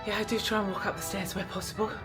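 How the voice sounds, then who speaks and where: A woman's voice: medium pitch, flat delivery, fast talker. A British woman vlogging aboard a cruise ship in a casual, rambling way with lots of fillers. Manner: chatty, rambling, many fillers. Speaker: travel vlogger. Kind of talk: casual vlog chat. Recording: clear music behind the voice. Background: music playing.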